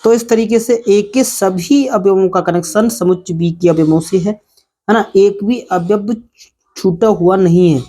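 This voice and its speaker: A woman's voice: mid-range voice, a little slow, mellow. A woman maths teacher explaining a lesson to her students, often checking in with short tag questions and drawing out key words for emphasis. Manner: repetitive, checks in with "ठीक है" and "है ना".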